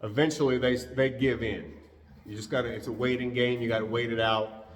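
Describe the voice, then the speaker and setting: A man talks calmly and casually as a dog trainer, explaining while he works. His mid-pitched voice sits back from the mic, and a long, roomy echo trails after his words. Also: a little fast, far from the mic, a little hiss or hum. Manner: calm, easygoing, explains as he works.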